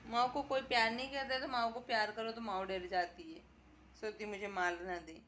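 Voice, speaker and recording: A woman's voice: medium pitch, steady tone, moderate pace, a bit bright, a little hiss or hum. A woman filming a casual home vlog at night, cooing to a pet in doting baby talk. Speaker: vlogger.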